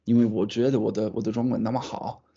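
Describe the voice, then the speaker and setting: Creaky, husky foreign man speaking Mandarin. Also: on the low side, flat delivery, dark tone, highs cut off. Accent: foreign-accented Mandarin. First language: English. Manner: foreigner speaking Mandarin, halting with repeated words. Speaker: language student being interviewed. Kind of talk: casual interview in a second language.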